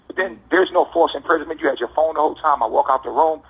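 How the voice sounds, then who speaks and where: High-pitched American male, prison phone call, muffled lo-fi line, emphatic slangy monologue, rhetorical questions. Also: quick pace, creaky, breathy edge. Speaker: detainee speaking on a jail phone call. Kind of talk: impassioned informal monologue.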